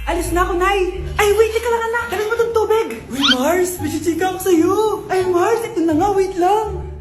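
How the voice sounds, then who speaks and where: A woman with a very high, bright voice plays every part in a string of comedy skits, teasing and squealing as she switches roles. She sounds like she is in an echoey room, with loud music playing behind her. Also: a little fast. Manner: switches between many characters, teasing and squealing. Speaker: comedy skit creator playing all parts. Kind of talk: comedic skit acting.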